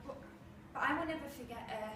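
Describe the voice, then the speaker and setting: A bitter, defiant bullied schoolgirl, acted by a woman in a measured, scornful monologue. The voice sits a touch high and rings in an echoey room. It is heard from a distance through steady background noise. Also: close to an everyday voice. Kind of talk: drama monologue performance. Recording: echoey room, far mic, noisy.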